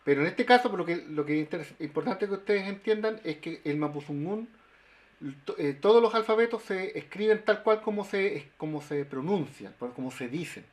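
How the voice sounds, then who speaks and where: A man speaks over a video call in a webinar. His voice sits somewhat high, and he works through the explanation haltingly, full of fillers and restarts. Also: animated. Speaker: linguist explaining pronunciation.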